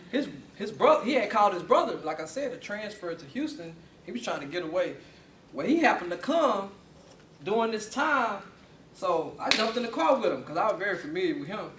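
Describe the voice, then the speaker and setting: A young man tells a personal story to his class, his voice high and swinging widely in pitch as he laughs through it. He is picked up from a distance in an echoey classroom. A faint hum of the room sits behind him. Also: a bit bright. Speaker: student speaker. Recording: echoey room, mic from afar.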